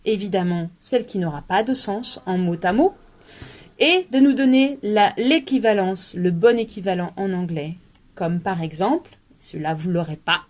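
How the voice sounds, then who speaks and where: A woman hosting a relaxed language workshop video. She talks in a chatty, hesitant way, pausing often on fillers and restarting her sentences, at an ordinary pitch for a woman. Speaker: English workshop leader. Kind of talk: casual video lesson.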